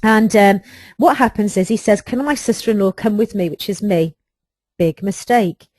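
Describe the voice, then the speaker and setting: A woman's voice: mid-range voice, normal speed, darkish tone, no room sound. Earnest woman telling a case story. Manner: earnest, emphatic storytelling with rhetorical questions. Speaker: HR trainer presenting a webinar. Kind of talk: webinar talk recounting a workplace case.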